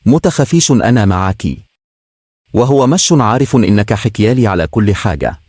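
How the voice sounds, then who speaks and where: A man's voice: lowish voice, lively intonation, normal speed, a little mellow, husky, no echo, studio quality. A man reading a story aloud, voicing a protective young brother with an Egyptian accent who talks in an easygoing, joking way. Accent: Egyptian Arabic. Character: protective young male engineering student.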